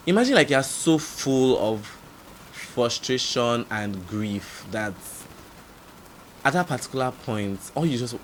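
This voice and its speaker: Nigerian male vlogger, young, lively storyteller, mid-range voice, faint room hum behind him. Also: mid-range voice. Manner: animated storytelling with big swings in loudness. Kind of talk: storytime vlog. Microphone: camera mic.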